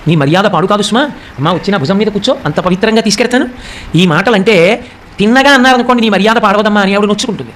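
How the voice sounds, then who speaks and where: A man giving a devotional discourse on a sacred epic. He recites verses slowly and explains them, and speaks the characters' lines in a softer voice. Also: sits high, a little hiss or hum. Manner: acts out the characters' speech in a softer voice.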